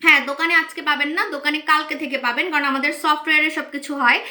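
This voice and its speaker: Bright-voiced woman selling live. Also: sits high, fairly even intonation, very fast. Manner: repetitive, hyped, keeps saying "okay"; answers viewer comments as she talks. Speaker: online shop host selling beauty products. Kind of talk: live-stream sales pitch. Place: indoors, live stream.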